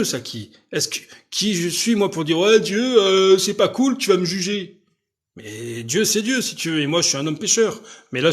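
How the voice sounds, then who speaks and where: Loud, insistent French-speaking preacher. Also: male voice, fairly high pitch. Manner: loud, insistent speech with frequent rhetorical checks. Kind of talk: live-stream preaching, answering viewers' questions.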